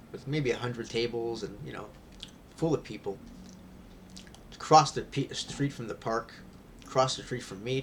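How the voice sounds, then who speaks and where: A man talking in a rambling confessional vlog, often restarting his sentences and swinging between quiet muttering and loud excitement. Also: medium pitch, a little hiss or hum. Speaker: vlogger.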